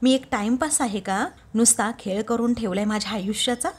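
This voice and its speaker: A woman's voice: fairly high pitch, brisk, slightly rough. A woman voicing an angry young woman who confronts her secret lover, in a retold TV serial scene. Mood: angry, defiant. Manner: angry, insistent quoted lines.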